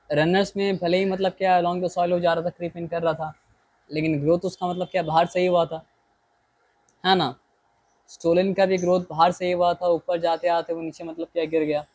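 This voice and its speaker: A man teaching a biology lesson in Hindi mixed with English, often asking rhetorical questions and reading English lines slowly. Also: high-pitched, level tone, no echo, rough recording.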